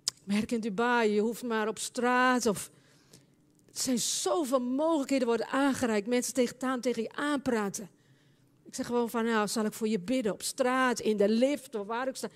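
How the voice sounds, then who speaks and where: Woman preacher, high voice, charismatic sermon, fervent, impassioned prayer. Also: fairly even intonation, moderate pace. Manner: speaks in tongues between prayers. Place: church service.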